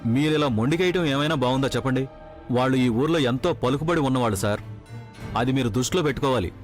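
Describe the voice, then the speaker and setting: An actor playing a worried pleading constable. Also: male voice, medium pitch, quick pace, natural voice. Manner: pleading, respectful. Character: anxious deferential male police constable. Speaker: police constable. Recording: TV serial with background music.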